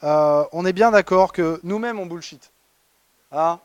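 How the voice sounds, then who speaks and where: A man's voice: high voice, measured pace, clean tone, no echo, muffled recording. A man presenting a humorous award talk at a conference, ironic and chatty with many fillers and restarts. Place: conference hall.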